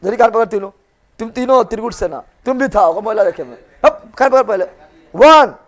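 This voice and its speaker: A male teacher, leading a geography class in chanted call-and-response and repeating answers loudly. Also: high-pitched, fast.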